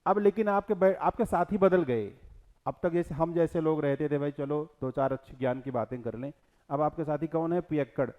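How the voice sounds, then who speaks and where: Middle-aged guy teaching a class, bit high voice, dull lo-fi sound, keeps asking then answering himself. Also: normal speed. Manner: explains verse line by line, asks and answers his own questions. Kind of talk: classroom lecture.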